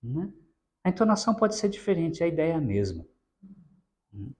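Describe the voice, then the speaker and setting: A man giving a didactic spiritist Bible lecture. He speaks in a slightly higher-than-average male voice and keeps checking in with "né?". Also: big pitch swings, moderate pace, a little mellow. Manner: explanatory, frequent tag "né?".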